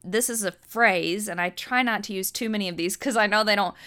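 This American podcast host and birth educator, a middle-aged woman, speaks in a mid-range, smooth voice that's fairly quick and sharp-toned. She teaches earnestly in monologue form, repeating words to drive points home.

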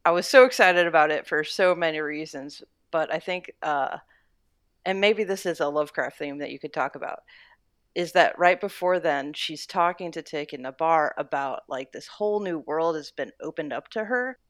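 Low-pitched woman, casual recap co-host, enthusiastic and guiding the talk, dry sound. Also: moderate pace, fairly bright tone, dry recording. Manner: enthusiastic, steers the discussion.

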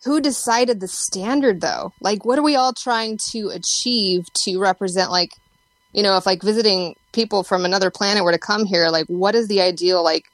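Woman, podcast co-host, casual questioning tone, middle pitch, dry sound. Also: normal speed, no room sound. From United States. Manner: casual, questioning, filler-heavy.

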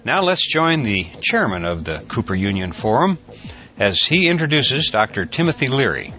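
An older American man giving a conversational, reflective introduction in a measured storytelling way, like a podcast host. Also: mid-range voice, big pitch swings, sharp tone, highs cut off, soft background music. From United States.

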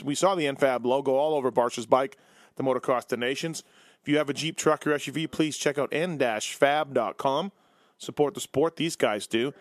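A man's voice: medium pitch, no echo, clean studio sound. A man hosting a sports radio call-in show, talking in casual, joking, sarcastic banter. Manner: jokey, sarcastic, fast-moving banter.

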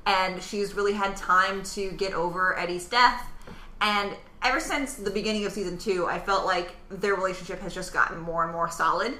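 Woman, podcast co-host, casual chat, thoughtful, ums often, bright voice, echoey room. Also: mid-range voice, normal speed. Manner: thoughtful, with frequent "um"s. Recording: roomy echo.

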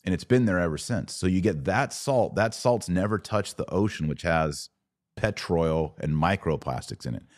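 Speaking at a moderate pace in an expressive voice that sits low, the podcast host chats informally on a livestream, replying to viewer comments with emphatic slang. The studio-quality recording has no room sound.

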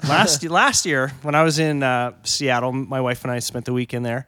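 A man co-hosting a casual podcast chat, telling anecdotes in an animated way and acting out the key moments. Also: mid-range voice, normal speed, clean tone. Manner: animated storyteller, acts out the moments. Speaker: podcast co-host.

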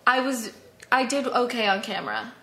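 A woman's voice: on the high side, big pitch swings, normal speed, crowd noise. A woman guest on a casual talk show, chatty and giggly, often filling with "like". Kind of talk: casual chat.

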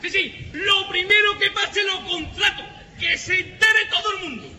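A bossy workshop owner, played by a man in a live comedy sketch, loud and insistent and often shouting. The voice is high and sharp. It rings with a long hall reverb, with faint noise behind it. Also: moderate pace, some chatter behind, heavily acted.

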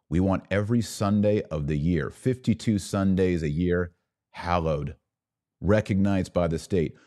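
A podcast host and political commentator with a lowish, dark-toned male voice delivers an impassioned political monologue. He's emphatic and rhetorical, repeating phrases for stress.

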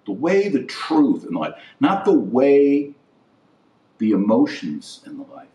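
The podcast host, a middle-aged man, airs his opinions emphatically in short, repeated declarative lines. His medium-pitched voice swings hugely in pitch, unhurried and warm in tone. The sound is lo-fi, from a webcam setup with a distant mic and roomy echo.

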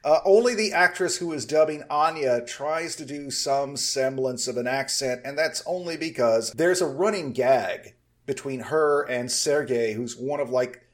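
A man hosting a podcast, casually reviewing a movie in a measured, talkative way with frequent "uh" fillers. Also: mid-range voice. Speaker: film review podcast host.

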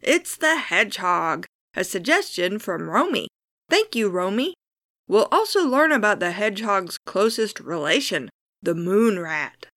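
A woman's voice: mid-range voice, sing-song, a little slow, fairly bright tone, dry recording. A woman hosting a podcast, reading scripted nature documentary style narration with casual, playful asides and dry humour. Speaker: podcast host.

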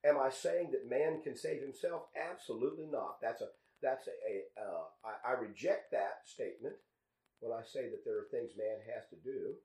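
A man's voice: medium pitch, normal speed, darkish tone, reverberant, low-quality recording. Emphatic man hosting a radio talk show. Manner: emphatic, argumentative, repeats key phrases.

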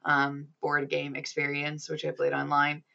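Low-voiced chatty woman podcast host. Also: monotone, measured pace, creaky, sharp tone, lo-fi sound. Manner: chatty, upbeat, frequent ums and laughs. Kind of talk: casual gaming podcast chat.

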